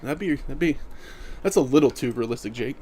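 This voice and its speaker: Middle-aged guy chatting on stream, walks in place as he talks, reads chat out, mid pitch, a bit of faint hiss. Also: lively intonation, a little fast, dark tone. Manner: reads chat messages aloud and answers them easygoingly; walking in place while talking. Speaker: live streamer. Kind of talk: casual live-stream chat.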